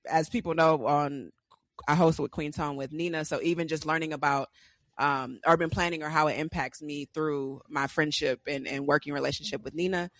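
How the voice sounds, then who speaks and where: A woman from Detroit's east side, a podcast guest talking casually and softly with many fillers. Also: deep voice, fairly even intonation, normal speed, no room sound. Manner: soft-spoken, many fillers.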